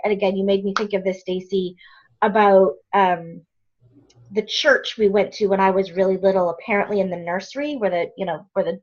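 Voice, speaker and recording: A woman telling a long personal story in casual chat on a group video call, full of fillers and asides. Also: medium pitch. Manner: rambling storytelling with many fillers. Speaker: program participant. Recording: dull lo-fi video call audio.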